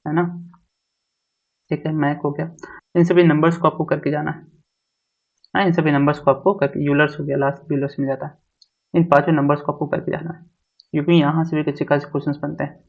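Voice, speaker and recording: Man with a flat, repetitive teaching voice. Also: a little high, a little fast, vocal fry, pauses often, phone-quality sound. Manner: repeats each point, mixing English syllabus terms into Hindi. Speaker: exam coaching teacher. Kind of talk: syllabus walkthrough lecture.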